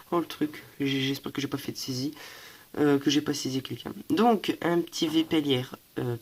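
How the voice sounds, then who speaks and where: A young man from France walks through his collection in a casual show-and-tell, his voice sitting a little high. He talks hesitantly, fills gaps with small sounds, corrects himself often, and sounds slightly stuffy with allergies. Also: a bit bright. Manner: hesitant, many fillers and self-corrections. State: stuffy, coughing. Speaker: collector showing items.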